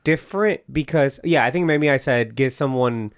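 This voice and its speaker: A man's voice: medium pitch, moderate pace, dry recording. Man recapping plot on a dry podcast mic. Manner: hesitant restarts in chat, even read-aloud recap. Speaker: podcast co-host.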